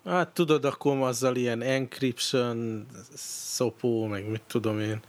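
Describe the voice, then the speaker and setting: A man's voice: mid-range voice, steady tone. A man in a casual podcast chat, mostly chiming in with brief replies. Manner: brief interjections, backchannel replies.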